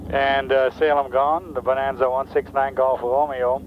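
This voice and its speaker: A man's voice: mid-range voice, flat delivery, moderate pace. A man, a pilot, making clipped radio calls to air traffic control over a cockpit headset radio. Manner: clipped aviation radio phrasing. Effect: pilot speaking over a cockpit headset radio. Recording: muffled cockpit radio with engine noise.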